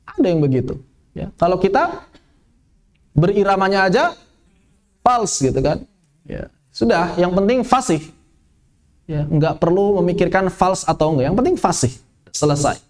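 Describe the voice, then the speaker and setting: A man teaching a lively spoken lesson, asking and answering his own questions. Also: high-pitched, moderate pace, pauses often. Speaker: Quran recitation teacher. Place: event hall, live workshop.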